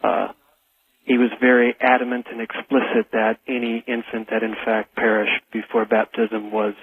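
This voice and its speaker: A male caller phones into a talk radio show and argues his points with precise, insistent wording. His voice is a little husky. It comes over a dry, tinny phone line. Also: mid-range voice, flat delivery, normal speed, dry recording. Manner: precise, insistent, lectures on definitions. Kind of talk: arguing on a call-in radio show.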